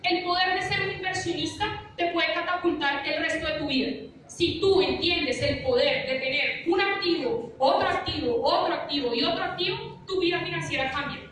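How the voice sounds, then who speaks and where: A young woman gives a punchy, rhetorical, motivational finance seminar to a room, frequently asking "¿listo?". Her voice is very high-pitched and fairly bright, at a moderate pace. An audience member's phone camera catches it from far off in a large lecture room with a projector screen, so it's echoey with faint hiss.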